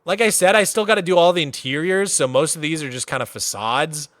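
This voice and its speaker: A man from Massachusetts, USA, livestreams casually while touring a game world, relaxed and chatty with lots of "like" fillers. His voice is on the high side and a little fast, with no echo.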